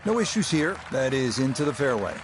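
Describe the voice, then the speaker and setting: A man calling golf play-by-play as a broadcast commentator, in a measured, informative way. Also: mid-range voice, very animated, noisy background, close to an everyday voice. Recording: music and crowd behind voice. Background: music and outdoor crowd ambience.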